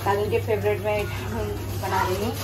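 A woman's voice: mid-range voice, a little slow, music in the background, low-quality recording. A young woman chatting while cooking in a home kitchen vlog. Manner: talkative, lively, cooking while she talks. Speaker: vlogger. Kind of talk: casual kitchen chat.

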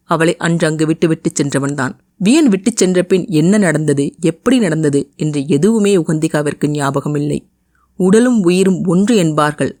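A woman narrating a romance audio novel with an expressive, emotive reading. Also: sits low, no echo, studio quality. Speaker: storyteller.

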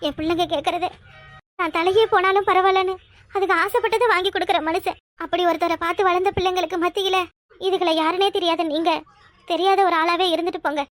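A sorrowful cartoon mother, played by a woman speaks. Her voice is very high and quick, and it sits dry and close to the mic. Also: fairly even intonation, a bit bright, dry recording. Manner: tearful, earnest pleading. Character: loyal wife and mother, sorrowful but firm. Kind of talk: cartoon voice acting.

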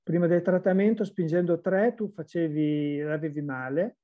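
A woman's voice: fairly low pitch, fairly even intonation, normal speed, phone-quality sound. A woman interpreting a teacher's words into full sentences, with small restarts. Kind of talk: consecutive interpreting into Italian.

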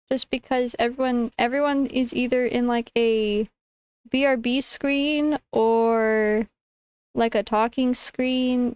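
A woman's voice: on the high side, darkish tone, smooth, no echo. A young woman livestreamer chatting casually to her viewers in a cutesy, informal, affectionate way. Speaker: livestreamer, VTuber.

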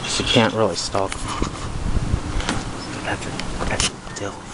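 A man's voice: lowish voice, little pitch movement, unhurried. A young man interviewing a friend for his YouTube channel, joking cheekily and laughing often, outdoors. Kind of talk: casual chat. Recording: noisy outdoor recording.

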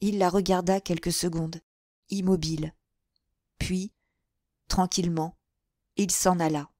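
A woman narrating an audiobook of a classic novel, her voice fairly low and her reading very slow and measured. The sound is dry and close, with no room behind it. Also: little pitch movement, dark tone, no echo. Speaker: audiobook reader.

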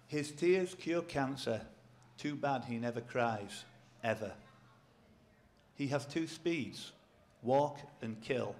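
A man's voice: mid-range voice, takes it slowly, darkish tone. A man hosting a pub quiz, reading questions aloud with dry, teasing asides. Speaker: quizmaster. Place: pub function room.

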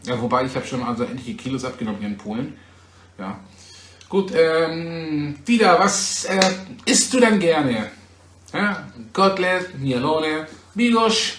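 A man's voice: on the high side, lively intonation, unhurried, fairly bright tone, roomy sound, a little hiss or hum. A German man hosting a livestream from home, chatting casually with viewers in a teasing, talkative way and often checking back with "ja?". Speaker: livestream host. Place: home in Poland. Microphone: phone.

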